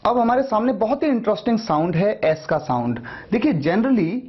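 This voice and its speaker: A man teaching English pronunciation, patiently explaining and repeating example sounds slowly. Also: high-pitched, lively intonation, husky, highs cut off. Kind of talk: spoken language lesson.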